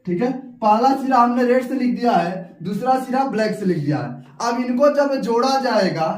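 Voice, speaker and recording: A man's voice: extremely high pitch, animated, moderate pace, distant mic. A young man teaching a science lesson at a whiteboard, explaining step by step and repeating key terms. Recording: echoey room, off-mic.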